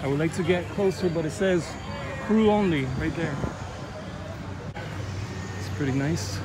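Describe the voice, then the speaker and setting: Filming himself at arm's length on a handheld camera, a middle-aged man chats eagerly through a relaxed walking tour of an outdoor theme park. His voice is slightly high and his pace measured, with loud music and crowds filling the background of this outdoor phone recording.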